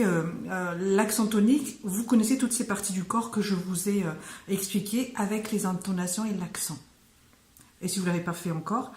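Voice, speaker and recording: A woman teaching phrases in French in a casual online lesson, speaking slowly with many hesitations and fillers. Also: medium pitch, echoey room. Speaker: Malagasy language teacher.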